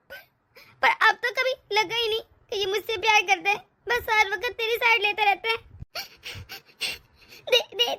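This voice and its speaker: A woman voicing an older mother-in-law in an animated family drama, aggrieved and tearful as she complains. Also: very high voice, heavily acted.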